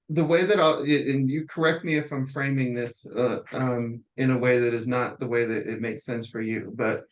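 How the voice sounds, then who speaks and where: A man hosting an interview, framing long, careful questions in a conversational tone. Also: mid-range voice. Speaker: interviewer host. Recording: dull lo-fi audio.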